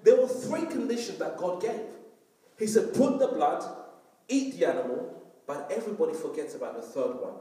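A man's voice: on the high side, very animated, moderate pace, dark tone. A man preaching a sermon as pastor, emphatic and often checking that the congregation understands. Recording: very echoey room, voice from far off.

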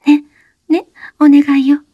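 A woman's voice: high voice, level tone, takes it slowly, no echo, lo-fi sound, pitched above the performer's own voice. A woman voicing a desperate, guilt-ridden young woman who pleads breathlessly through sobs in a spoken story reading. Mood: pleading.

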